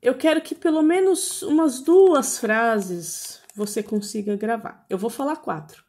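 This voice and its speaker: Patient Brazilian woman teaching slowly. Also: on the high side, a little mellow. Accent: Brazilian Portuguese. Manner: patient, repeats words many times and stresses each word. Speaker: English teacher for young children. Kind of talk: slow, drawn-out pronunciation drills for children.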